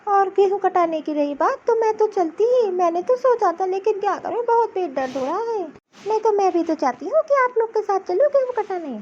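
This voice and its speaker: A woman's voice: very high voice, lively intonation, brisk, darkish tone, highs cut off. Woman voicing a whiny lazy young bride. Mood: whining. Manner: whiny, complaining. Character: lazy young daughter-in-law faking illness. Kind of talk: cartoon voice acting.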